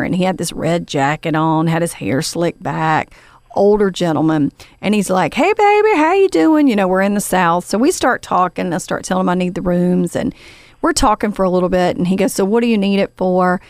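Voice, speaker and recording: A woman's voice: fairly low pitch, brisk, darkish tone, no echo. A woman hosting a podcast, telling a story in a casual, chatty way with lots of fillers and the odd "honey" for her guest. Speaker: podcast host.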